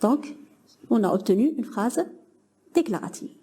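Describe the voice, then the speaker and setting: A woman's voice: fairly high pitch, expressive, unhurried, dark tone. A young woman teaching a grammar lesson to middle-school pupils, patiently explaining and praising imagined answers.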